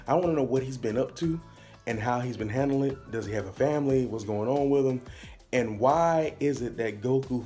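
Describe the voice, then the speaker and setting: Young adult man, casual vlog commentary, informal questioning delivery, medium pitch, faint music. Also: mellow. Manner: informal, slangy, rhetorical questioning. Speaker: host of an anime discussion channel. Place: small indoor room with posters on the walls.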